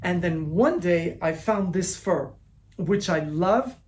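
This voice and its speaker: A man's voice: high voice, expressive, takes it slowly, slight background noise. A man, a designer hosting his own channel, talking in a chatty, affectionate way about his gowns and often restarting his sentences, recorded in his living room at home. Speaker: gown designer and channel host. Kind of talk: casual show-and-tell vlog.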